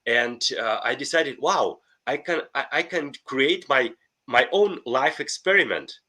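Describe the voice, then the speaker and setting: A middle-aged man with a Russian accent, appearing as a life coach guest on a podcast interview, speaks earnestly and enthusiastically, often restarting his sentences. His voice is medium-pitched, expressive and slightly rough, with a sharp tone and a measured pace.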